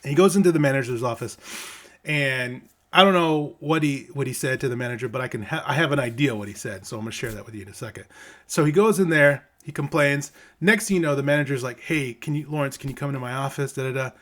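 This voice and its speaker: A man's voice: mid-range voice, quick pace, a bit bright. Man, middle-aged, casual storyteller, rambling, restarts a lot, plays out quoted lines. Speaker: vlogger telling a story from his game tester days.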